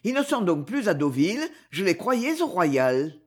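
Reader doing an anguished wife for an audiobook: lively pitch, slightly husky. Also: a little slow. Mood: distressed. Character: anguished wife, a woman afraid for her husband. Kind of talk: audiobook dialogue.

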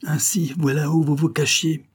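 A man reading aloud voicing an irritable, bossy woman in a shrill, scolding manner. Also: fairly quick, mellow, slightly rough, no echo.

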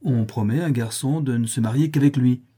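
A man's voice: mid-range voice, fairly quick, mellow, breathy edge, close to an everyday voice. A man playing a mischievous young schoolboy, speaking eagerly with a lifted, boyish voice.

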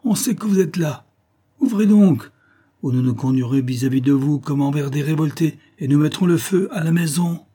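A man barking out a brutal brigand, loud and rough as he hammers with threats. The voice is raised high, husky and dark underneath. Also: moderate pace, close to an everyday voice. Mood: menacing. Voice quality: rough, shouting.

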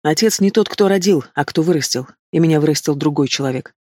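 Холодный, презрительный молодой бандит, которого озвучивает мужчина, аудиокнига. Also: male voice, fairly high pitch, fast talker, darkish tone, dry recording, studio quality, natural voice. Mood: cold scorn. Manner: cold, contemptuous. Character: bitter young male henchman, cold and scornful.

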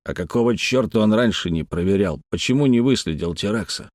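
A man's voice: fairly low pitch, expressive, fairly quick, darkish tone, no room sound, studio quality, lightly acted. A man reading the lines of an irritable, sarcastic adult male warden. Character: gruff, impatient male game warden.

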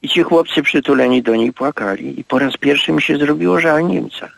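A priest in his eighties giving a radio interview, speaking slowly and reflectively with halting pauses. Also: on the high side, creaky, no echo, poor audio. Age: 80s. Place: radio studio.

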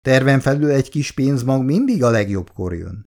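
A man's voice: mid-range voice, animated, a little mellow, voice pushed up, natural voice. A man voicing a jovial, roguish old family friend who teases and grumbles reproachfully. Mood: jovial teasing.

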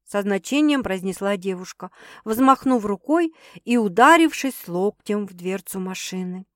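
A woman's voice: mid-range voice, animated, measured pace, no room sound. Woman narrating an audiobook, dry close sound. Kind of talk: scripted narration.

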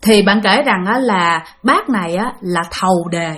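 A woman's voice: medium pitch, expressive, a little slow, a bit bright. A woman with a Southern Vietnamese accent narrating ghost stories for her channel, chatty and often addressing her listeners. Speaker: ghost story channel host. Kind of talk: spoken ghost story narration.

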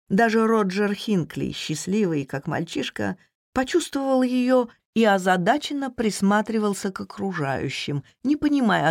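A woman narrating an audiobook in a measured, expressive reading. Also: mid-range voice, dry recording, studio quality. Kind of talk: scripted narration.

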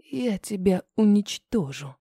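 A woman's voice: medium pitch, expressive, slow pace, dark tone, slightly rough, no room sound, studio quality, exaggerated voice. A woman voicing a furious young father who threatens through clenched teeth in an audiobook story. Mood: menacing.

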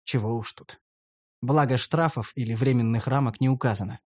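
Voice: mid-range voice, normal speed, darkish tone. An audiobook narrator reading a first-person fantasy story in a wry, dry manner.

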